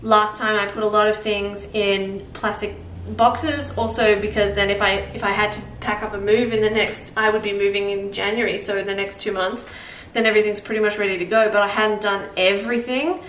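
Cooking in her home kitchen, a thirty-something Australian woman rambles through a casual cook-along vlog chat, thinking aloud with fillers. She talks fairly quickly with few pauses, in a steady, mid-range, slightly bright voice. A camera mic several feet off captures her distantly, with kitchen echo and slight background noise.

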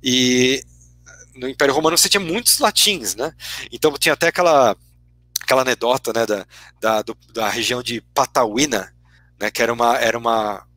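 A man's voice: medium pitch, fairly quick, bright, forceful tone, no room sound. A man with a Brazilian Portuguese accent, a guest lecturer giving a teacherly explanation, tagging his sentences with constant "né" questions. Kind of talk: explanatory academic talk.

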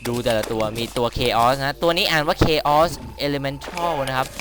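Excitable young man narrating gameplay. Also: mid-range voice, brisk, noisy background. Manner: chatty and excitable, swearing and exclaiming at the game. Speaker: gameplay commentator. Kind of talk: let's-play commentary. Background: game music.

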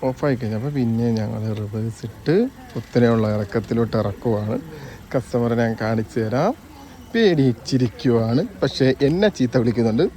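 A man's voice: mid-range voice, dark tone. A man working as a driving instructor, narrating and coaching a learner from inside a car, teasing and repeating his questions.

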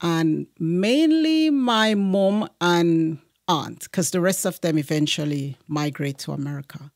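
Jamaican woman guest, soft-spoken, laughs between her lines, close and dry recording. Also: on the low side, unhurried, no room sound. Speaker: podcast guest. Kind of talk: casual interview.

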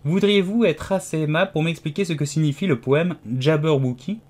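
Audiobook figure: polite, curious little girl, read by a man, slightly high voice. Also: a little fast, a little mellow, close to an everyday voice. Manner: polite, thoughtful questions. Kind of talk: audiobook character reading.

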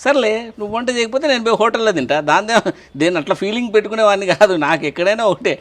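Man, high voice, quick, defiant, boastful, comic sketch. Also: expressive, a bit bright. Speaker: husband in a comedy skit.

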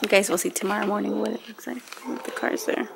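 A woman's voice: mid-range voice, fairly even intonation, quick pace, creaky. A young woman chatting casually to her camera at a family meal, giggling often and switching between languages. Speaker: vlogger. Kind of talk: casual vlog chat. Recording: noisy home camera audio.

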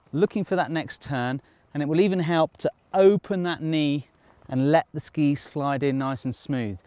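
A man's voice: on the high side, darkish tone, dry recording. A middle-aged man teaching as a ski instructor outdoors, talking to the camera in an encouraging, reassuring manner. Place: outdoors on a snowy mountain ski slope.

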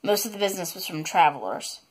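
A woman's voice: on the low side, animated, quick pace. A woman reading a chapter of her own novel aloud, unedited, stopping now and then to apologize for slips and add asides.

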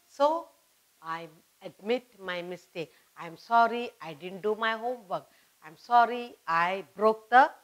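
In a rough recording, a middle-aged woman speaks at medium pitch with an Indian accent while teaching young children indoors at a studio whiteboard. She leans on simple, emphatic phrases and questions, repeating them often.

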